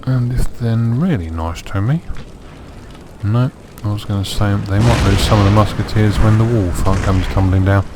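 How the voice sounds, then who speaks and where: A man with a lowish voice and a sore throat commentates a strategy game let's play at normal speed, with background noise audible. He keeps it dry and wry, often mocking himself.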